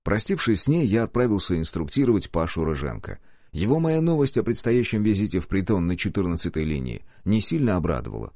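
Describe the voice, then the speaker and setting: Give me a male audiobook narrator with a lively delivery and a dry close sound. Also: sits low, fast, no echo. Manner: expressive first-person storytelling.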